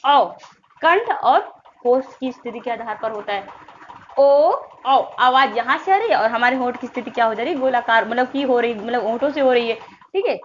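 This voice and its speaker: A high-pitched woman teaches Hindi grammar. She asks questions over and over and stretches the vowel sounds to demonstrate them. The recording is slightly dull and lo-fi, with a faint hiss behind her. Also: a bit bright. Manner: repetitive call-and-response questioning. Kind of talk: exam-prep grammar lesson.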